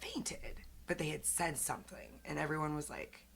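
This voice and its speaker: A woman's voice: low voice, normal speed, vocal fry, a little hiss or hum. A woman chatting casually on a podcast, rambling through a personal story. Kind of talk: casual chat.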